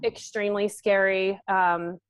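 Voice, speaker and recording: A woman's voice: mid-range voice, level tone, measured pace, smooth, dry recording. A woman in her thirties, an interview guest speaking earnestly in a casual conversation, with many "um"s and "like"s. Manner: earnest, frequent fillers like "um" and "like".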